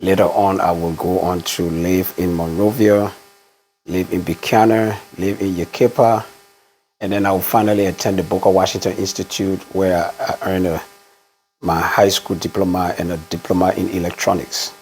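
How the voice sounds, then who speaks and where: Middle-aged Liberian pastor, very deep voice, unhurried interview answers. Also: male voice, little pitch movement, darkish tone, slight background noise, poor audio. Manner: measured storytelling, frequent "uh" pauses. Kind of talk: conversational interview.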